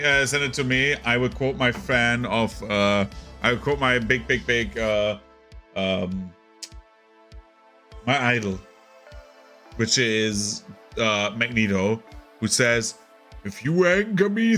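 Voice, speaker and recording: A man's voice: mid-range voice, a little slow, faint music behind. A man streaming casually, reacting to a film with lots of laughter and swearing. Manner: excitable, laughs often, swears a lot.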